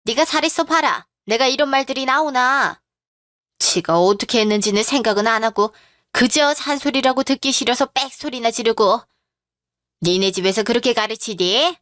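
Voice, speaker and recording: A woman's voice: a little high, moderate pace, dry recording, studio quality, lightly acted. Woman doing a nagging older mother-in-law. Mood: contemptuous. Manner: scolding, sharp-tongued. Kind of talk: radio drama reading.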